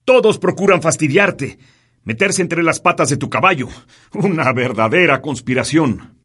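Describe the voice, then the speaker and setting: A man's voice: mid-range voice, animated, slow pace, breathy edge, voice pushed up. A man voicing an ironic, impatient military officer riding as a passenger in a storybook reading. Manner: ironic, mocking.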